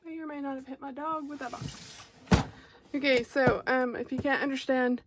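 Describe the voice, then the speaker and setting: The recording is very noisy, picked up by an overhead clamped phone as a craft creator from Arkansas unboxes something on video. Her Southern-accented voice sits high, with fairly even intonation and a moderate pace. She chats casually, with a little hesitation.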